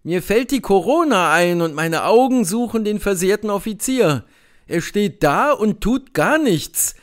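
High-voiced male audiobook narrator. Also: measured pace. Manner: lively, dramatic storytelling. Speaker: audiobook reader. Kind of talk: literary narration.

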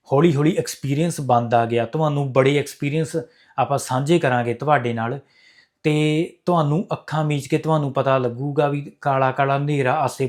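A man's voice: mid-range voice, a little mellow. A man with a Punjabi accent giving earnest, preachy spiritual advice straight to his viewers, repeating key phrases as he instructs. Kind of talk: earnest instructional talk to camera.

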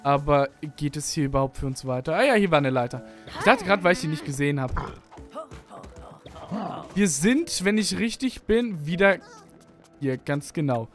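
Recording gameplay commentary at his home setup with headphones and an arm-mounted studio mic, a young let's play streamer with a Berlin German accent rambles chattily and mocks himself. His fairly bright, high-leaning voice is sing-song, at a moderate pace with frequent pauses, and faint music plays behind him.

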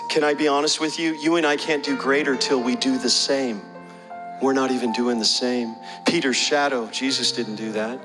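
A man's voice: mid-range voice, fairly even intonation, normal speed, long reverb tail, music in the background. A male pastor preaching a sermon, telling a story and then pressing the congregation with repeated questions.

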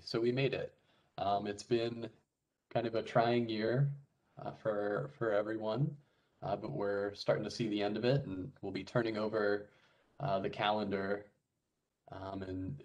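A man's voice: on the low side, a little mellow, rough recording. A man opening a virtual advisory board meeting as moderator, speaking hesitantly with many fillers. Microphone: video call.

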